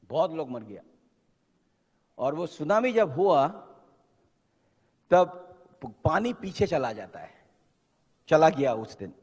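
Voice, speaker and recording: High voiced guy doing a motivational seminar talk, echo from a big hall. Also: sing-song, slow pace, long pauses, a little mellow, slightly rough. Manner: mixes Hindi and English, acts out quotes; emphatic, preacher-like exhortation. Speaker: motivational speaker at a business seminar. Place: large hall. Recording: long hall reverb.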